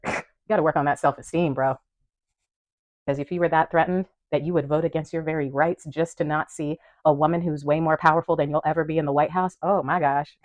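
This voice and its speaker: A young woman speaks straight into her camera at home, defiant and blunt, laughing between her points. Her voice sits on the lower side, and the sound is dry and close. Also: dry recording. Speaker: vlogger. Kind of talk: impassioned commentary to camera. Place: room at home in front of a wall of photos.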